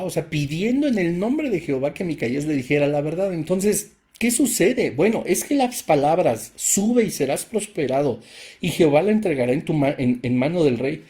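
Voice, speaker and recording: Lively Mexican man teaching scripture. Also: fairly high pitch. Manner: reads verses aloud and explains with rhetorical questions; casual, repeats himself and restarts phrases. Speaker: Bible teacher. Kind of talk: Bible study teaching.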